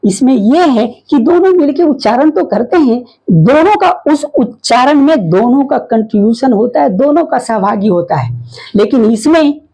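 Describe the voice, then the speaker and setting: A woman teacher explaining phonics in a patient lesson, sounding out letters slowly and asking the class questions. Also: sits high, warm tone, rough recording.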